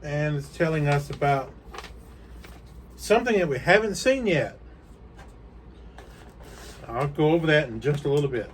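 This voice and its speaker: A man's voice: a little high, animated, a little slow, long pauses, a little hiss or hum. A man hosting a casual unboxing video from a room of collectibles, chatting and rambling with frequent fillers. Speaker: toy collector host.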